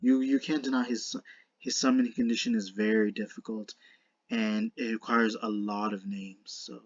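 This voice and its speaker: A man with a slushy lisp on his s sounds gives casual, unscripted commentary to viewers as a video creator, earnest and halting, often restarting his words. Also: fairly low pitch, level tone, no echo, dull audio. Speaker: video creator narrating a card game duel.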